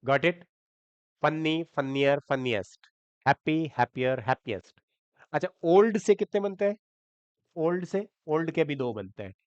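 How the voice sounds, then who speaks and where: A man with a clear, smooth, fairly high voice teaches a grammar lesson, breaking words down slowly and checking in with his students. The sound is dry and close but a little dull. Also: expressive, no echo. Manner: explains step by step, spells words letter by letter, asks checking questions. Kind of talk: Hindi-language grammar lesson.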